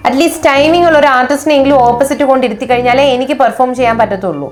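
A woman's voice: high-pitched, very fast, soft background music. A woman acting in a comedy sketch, fussy and complaining, repeating her lines nervously.

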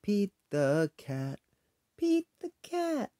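A chorus of excited little kids on a bus, chanting high and sing-song, as a storybook reader puts them on. The chant comes slowly and sounds mellow. The room sounds dry and close. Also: no room sound, full character voice. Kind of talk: storybook read-aloud.

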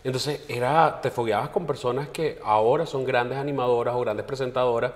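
A man's voice: medium pitch, fairly even intonation, fairly quick, long reverb tail. Eager male interview host. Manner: enthusiastic, eager, interjects short agreements. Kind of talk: interview questions. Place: bright television studio set, indoors. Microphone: lapel mic.

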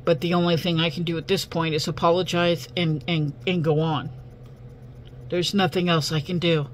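A woman with a hoarse, failing voice addresses her viewers casually as an online host, in a halting, earnest way. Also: fairly low pitch, flat delivery. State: hoarse, losing voice. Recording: faint background hum and noise.

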